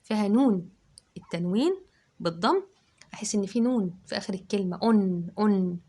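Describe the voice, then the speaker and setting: An Egyptian-accented woman teaches children dictation, pronouncing words one syllable at a time, loudly and slowly drawn out. Her medium-pitched voice is expressive and fairly quick.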